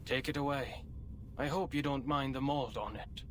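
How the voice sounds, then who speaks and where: A man's voice: medium pitch, steady tone, moderate pace, very noisy, lightly acted. A man voicing a sarcastic, laid-back male researcher in a game, talking in a dry, mocking way. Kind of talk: game voice acting.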